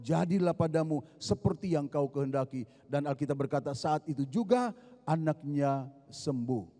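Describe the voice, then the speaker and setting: A man's voice: fairly high pitch, warm tone. A man with an Indonesian accent preaching a sermon as a pastor in a large church hall, telling a story dramatically with emphatic rises. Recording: long hall reverb.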